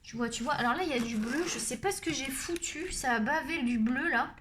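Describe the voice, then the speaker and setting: Chatty woman w a shrill high voice doing a coloring tutorial, talks loud, bit of hiss behind. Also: brisk. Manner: loud, talkative and animated. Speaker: colouring tutorial host.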